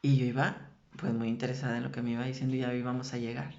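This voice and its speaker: A woman's voice: rumbling low, flat delivery, fast, warm tone, echoey room, lo-fi sound. A woman who tells a spoken testimony story and dramatically voices the people in it. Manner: dramatic retelling, voicing others in quotes.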